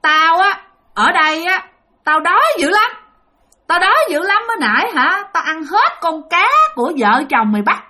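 A woman's voice: expressive, moderate pace, pushed and bright, heavily acted. A woman voicing a hungry, menacing female ghost who has possessed a man in a spoken ghost story. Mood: threatening. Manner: threatening, demanding, shrill.

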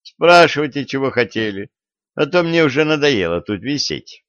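A man's voice: mid-range voice, very animated, normal speed, a bit bright, dry recording, voice pushed up. A man voicing a bold young male prisoner in an audiobook, talking in a curt, weary, self-assured way. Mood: sardonic. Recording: dull, dry lo-fi recording.

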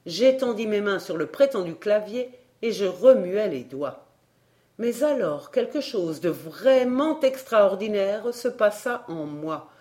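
A woman narrating a classic tale as an audiobook, in a measured, expressive storytelling manner. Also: mid-range voice.

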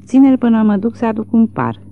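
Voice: mid-range voice, big pitch swings, a little hiss or hum, natural voice. A reader voicing a stout, furious farm wife who scolds breathlessly, on tinny phone-like audio.

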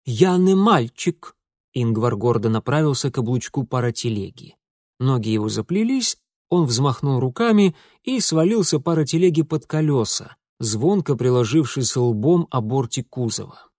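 A man narrates an audiobook in a measured, even manner. His voice sits at a middle pitch, and the recording is dry and close. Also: no room sound.

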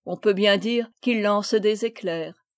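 A woman voicing a kind, brotherly young boy in a storybook reading, lively in manner. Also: mid-range voice, slow pace, dry recording, clean studio sound, natural voice. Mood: eager.

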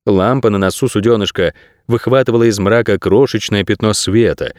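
A man's voice: fairly low pitch, fairly quick, a little mellow, no room sound, studio quality. A man reading an audiobook as narrator, telling the story expressively. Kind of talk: scripted narration.

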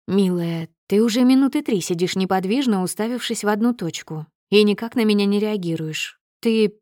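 A gentle, consoling middle-aged mother from an audiobook, voiced by a woman narrator. She speaks a little lower and more hushed than the narrator, in a dry, close recording. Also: normal speed, no room sound, close to an everyday voice.

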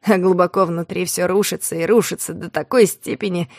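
A heartbroken young man, drunk and desperate, talks low and broken in a flat, even run of words, as a woman reads him out. His voice comes dry and close, with no room around it. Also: fairly quick, no echo, close to an everyday voice. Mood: despairing.

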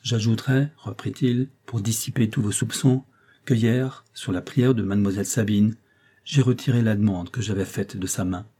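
A man reading the lines of a wealthy, courteous gentleman in an audiobook, with a firm, insistent manner. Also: fairly low pitch, fairly even intonation, normal speed, husky. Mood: earnest. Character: wealthy gracious male gentleman, older suitor.

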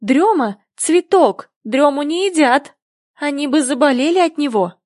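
A woman's voice: high-pitched, lively intonation, moderate pace, a little mellow, no echo, clean studio sound. A woman reading the part of a polite, earnest young girl in a storybook who takes offense easily. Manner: prim, earnest.

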